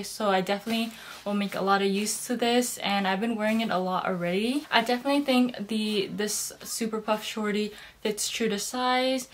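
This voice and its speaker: A woman, talking casually and enthusiastically in a vlog-style product review, often saying "like" and "super". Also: mid-range voice. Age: 20s. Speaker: fashion vlogger. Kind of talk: casual chat to camera, clothing haul review. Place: small home room, indoors at a desk.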